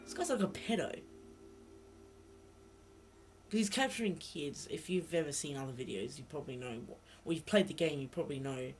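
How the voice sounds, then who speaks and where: A man's voice: fairly high pitch, lively intonation, a little fast, pauses often, slight background noise. A young man with a blocked nose giving rambling, self-correcting let's play commentary into a laptop mic. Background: game music.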